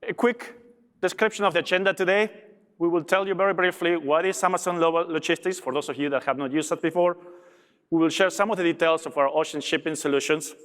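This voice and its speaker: Speaking fast in a slightly high, steady, somewhat bright voice, this Argentine logistics director delivers an upbeat talk at a conference, restarting a little here and there. His Argentine Spanish accent is clear, and the big conference hall gives the recording a long echo.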